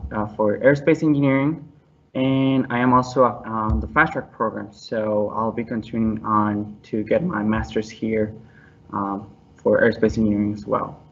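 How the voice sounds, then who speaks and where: A man's voice: medium pitch, distant mic. Man, 20s, loose and self-correcting, set back from the mic, muffled audio. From Mexico. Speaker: engineering student ambassador. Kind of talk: self-introduction on a panel.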